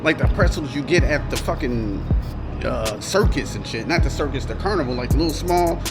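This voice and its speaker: A man's voice: medium pitch, expressive, fairly quick, over loud music. An American man giving a casual vlog-style movie review in a slangy, profane way.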